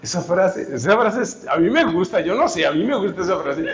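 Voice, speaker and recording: Animated preacher in an echoey hall. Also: male voice, sits high, a little fast, very noisy. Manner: animated, humorous and emphatic. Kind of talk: sermon. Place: hall with a live audience. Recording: echoey hall, dull sound, live audience.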